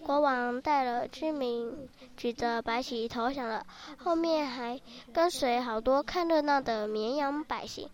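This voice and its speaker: High-voiced woman reading a children's story. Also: a little slow. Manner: lively, expressive.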